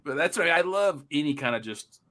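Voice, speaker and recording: A man co-hosting a podcast in casual chat, telling animated stories and laughing as he goes. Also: on the high side, a little fast. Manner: animated storyteller, laughs mid-sentence. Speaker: podcast co-host.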